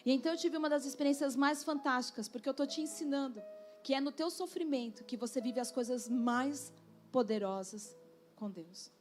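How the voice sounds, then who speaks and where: A woman pastor preaching a sermon, slow and emphatic, with sudden drops to a quiet voice. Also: high-pitched, soft background music.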